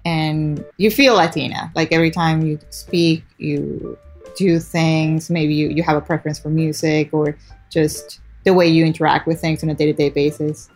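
Interview guest: woman in her thirties from Ecuador, lower voice, thoughtful and earnest, faint music underneath. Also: steady tone, moderate pace. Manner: reflective, with frequent "like" and "right?" tags. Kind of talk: conversational interview.

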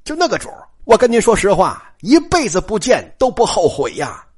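A man's voice: sits high, husky, exaggerated voice. A man doing a glib gossiping young servant. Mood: gossipy. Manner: chatty and flattering, talks fast.

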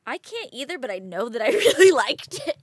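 A woman hosting a casual podcast, talking in an animated way. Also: high voice, brisk, husky, dry recording. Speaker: podcast host and editor. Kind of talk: casual chat.

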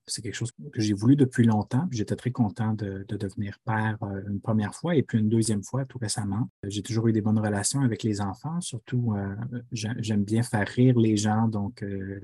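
Husky man in his thirties. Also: on the low side, warm tone, no room sound. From Quebec City. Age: 30s. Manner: friendly, with hesitations. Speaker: guest, father. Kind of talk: casual interview answers.

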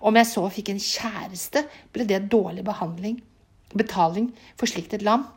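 A woman voicing a sly, greedy male fox trickster who talks loudly and demandingly in a folk tale. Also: mid-range voice, breathy edge.

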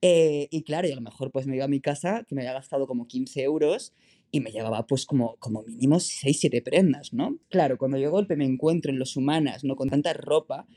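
A man's voice: medium pitch, warm tone. A man from Madrid with a Madrid Spanish accent, a podcast guest chatting casually and telling stories with lots of fillers. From Madrid, Spain. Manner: chatty, many fillers, drawn-out storytelling. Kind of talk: casual interview chat.

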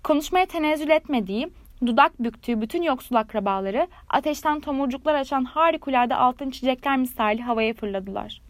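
High-voiced woman reading a fairy tale. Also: no room sound. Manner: measured, lively storytelling. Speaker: storyteller.

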